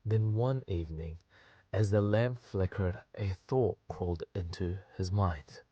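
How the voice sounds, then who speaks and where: A man narrating a story on a radio show, in a measured storytelling voice. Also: low voice, dark tone, dry recording, muffled recording. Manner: measured narration, quick laughing chat. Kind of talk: scripted narration and casual chat.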